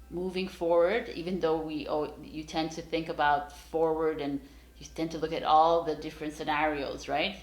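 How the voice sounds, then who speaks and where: Her low-pitched voice comes through poor audio in an echoey room as this woman, a tarot reader, addresses her viewers casually and encouragingly. She rambles, using plenty of fillers and restarting often.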